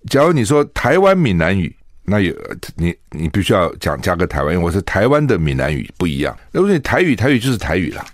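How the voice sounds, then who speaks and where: A male talk radio host from Taiwan with a low voice that swings up and down a lot. His commentary is chatty and full of rhetorical questions, recorded at a dry studio mic. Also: very animated, fast, no room sound. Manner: chatty, asks rhetorical questions, laughs at own stories. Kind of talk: solo news commentary.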